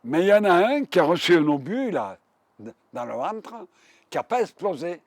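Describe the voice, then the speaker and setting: Lively old man with a Marseille accent. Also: sits high, moderate pace, no echo, clean studio sound. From Provence, France. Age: 90s. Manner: vivid storytelling with repetitions. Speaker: war veteran witness. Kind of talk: oral history testimony.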